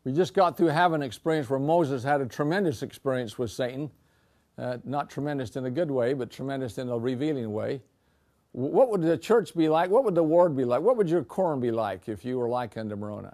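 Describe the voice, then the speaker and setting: An older man teaching a scripture class, asking the students questions and repeating words as he gets excited. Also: mid-range voice, a little fast.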